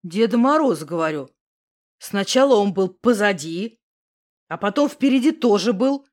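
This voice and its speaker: A woman voicing a nervous young man who talks low, anxious and insistent. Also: lively intonation, moderate pace. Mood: worried.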